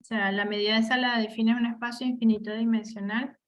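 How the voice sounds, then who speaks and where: A woman's voice: fairly high pitch, fairly even intonation, a little fast. A woman moderating a seminar, thanking the speaker and asking tentative questions. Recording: lo-fi video call audio.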